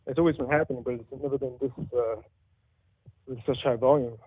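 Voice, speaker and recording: A man from New Jersey calling in to a talk show, talking quickly and earnestly with many fillers over a muffled, quiet headset phone line that sounds underwater. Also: mid-range voice, fairly even intonation, dry recording. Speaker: caller. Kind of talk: call-in talk show chat.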